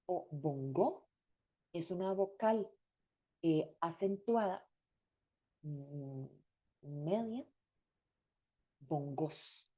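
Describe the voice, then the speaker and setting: Lady teacher explaining a lesson, unhurried, soft warm tone, says each example twice. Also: medium pitch, highs cut off. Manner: slow, explanatory, repeating example words. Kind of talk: recorded lecture.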